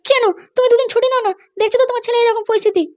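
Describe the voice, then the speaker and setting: Fretful cartoon mother, high-pitched and rapid, a woman voicing her. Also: steady tone, darkish tone, no room sound. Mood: pleading. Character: anxious, pleading middle-aged mother of a groom. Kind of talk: cartoon voice acting.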